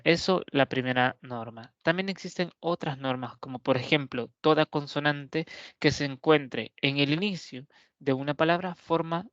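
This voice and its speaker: Giving a pre-recorded lecture with the camera off, a male teacher explains things step by step in a measured way, often checking in with "¿verdad?" His mid-range, slightly bright voice comes through a laptop or webcam mic on a dry, dull lo-fi recording.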